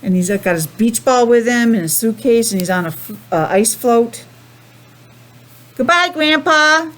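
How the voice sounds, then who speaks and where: Reading aloud to little ones, this teacher's voice is on the high side and a little mellow, moving at a moderate pace. She stops patiently to ask questions and give simple explanations about the picture book.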